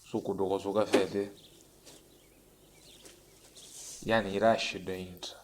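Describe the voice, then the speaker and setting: A man's voice: low-pitched, flat delivery, moderate pace, noisy background, natural voice. A man playing a broke, cheeky working-class husband in a comic dub, speaking broad Sicilian dialect from Catania. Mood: agitated.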